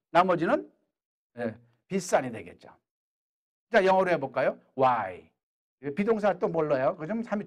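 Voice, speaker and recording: A man in middle age teaches English to a live audience in a hall. His voice sits high and swings widely as he asks questions and answers them himself, with strong, emphatic delivery. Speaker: English lecturer. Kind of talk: energetic classroom lecture. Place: lecture hall, in front of an audience.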